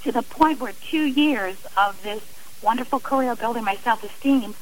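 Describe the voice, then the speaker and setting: A middle-aged woman, a guest on a radio interview, describes her own experience earnestly and from the heart, often restarting her sentences. Her mid-range voice has a fairly bright tone, and the recording quality is low.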